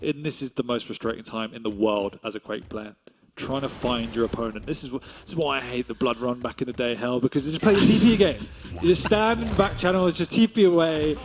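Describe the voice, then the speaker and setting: A man's voice: mid-range voice, fairly quick, background noise. A man casting an esports match, analytical and chatty, laughing easily with his co-caster. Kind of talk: esports commentary.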